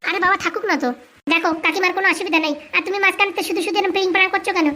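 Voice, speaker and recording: In a comic cartoon, a woman voices a bossy, brisk male fixer who is arranging a village wedding and insistently reassures everyone. She speaks rapid-fire in a very high-pitched, sharp voice with fairly even intonation, sounding bossy and reassuring.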